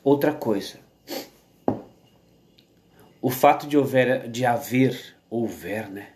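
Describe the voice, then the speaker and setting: A Brazilian man talks through a slow, casual vlog at home. His voice sits in an ordinary middle pitch. He rambles, restarts his sentences and keeps checking in with his listener. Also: a little mellow, a little hiss or hum. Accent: Brazilian Portuguese. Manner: rambling and halting, with many restarts and tag questions. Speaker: vlogger. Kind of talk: casual monologue to camera.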